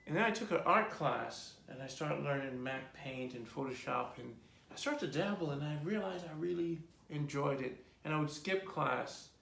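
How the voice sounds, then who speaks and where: A man in his fifties with a Jamaican accent, telling his life story in a relaxed, rambling interview with many ums. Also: on the high side, moderate pace, creaky. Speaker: host being interviewed by his daughter. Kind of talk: casual personal interview. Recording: echoey room.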